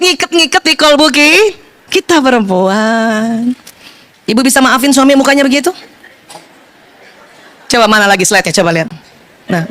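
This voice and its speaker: A middle-aged woman leads a seminar with a high, bright voice. She tells stories with playful animation and keeps turning to her audience with questions. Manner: playful, animated storytelling that addresses the audience directly. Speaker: seminar speaker on marriage and parenting. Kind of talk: lively seminar talk.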